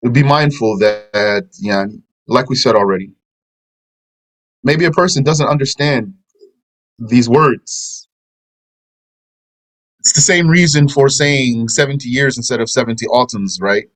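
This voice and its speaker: This religious teacher has a mid-range voice and takes an explanatory approach, reading a translated passage aloud and then commenting on it with Arabic terms mixed in. The recording quality is low.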